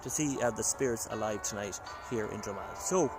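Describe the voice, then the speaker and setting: A man's voice: lowish voice, fairly quick, over loud music. Irish man hosting a ghost-hunting vlog. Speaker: paranormal investigator and channel host. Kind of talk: casual vlog narration and calling out questions. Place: at a castle and woods. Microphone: phone.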